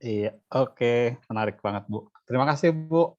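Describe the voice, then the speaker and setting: A man's voice: medium pitch, normal speed, highs cut off. A man hosting a casual church talk, affirming and summarizing his guest's points. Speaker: host. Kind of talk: casual interview.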